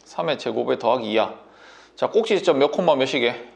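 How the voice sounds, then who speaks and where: A man's voice: mid-range voice, expressive, brisk, gravelly, darkish tone. A man tutoring math at a whiteboard, talking bossy and casual and checking understanding constantly with a sore throat.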